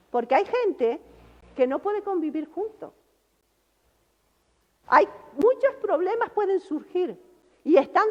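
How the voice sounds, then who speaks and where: A woman pastor preaches a sermon, swinging between loud, impassioned outbursts and hushed, low passages. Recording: reverberant hall, dull lo-fi sound.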